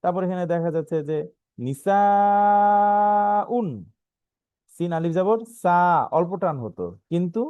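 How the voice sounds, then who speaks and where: Bangladeshi guy teaching quran reading online, kinda high voice, dry close sound, keeps asking "right?". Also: fairly even intonation, smooth, no room sound, narrow, tinny audio. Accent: Bangladeshi Bengali. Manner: explains slowly, often asks "right?", spells letters out. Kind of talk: online lesson.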